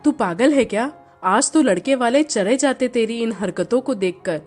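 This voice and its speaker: A woman's voice: on the high side, expressive, moderate pace, a little mellow, soft background music, voice pushed down. A woman doing an exasperated mother.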